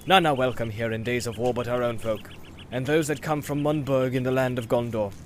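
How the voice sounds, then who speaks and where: A man's voice: mid-range voice, brisk, slight background noise, lightly acted. A man voicing a proud, suspicious male gate guard who questions in a formal way.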